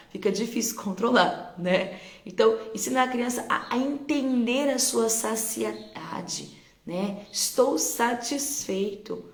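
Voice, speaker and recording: A woman with a Brazilian Portuguese accent, a teacher talking to parents on a live stream, conversational and often checking in with her listeners. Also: medium pitch. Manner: conversational, keeps checking in with tag questions. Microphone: phone on a live stream. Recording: roomy echo with faint ambience.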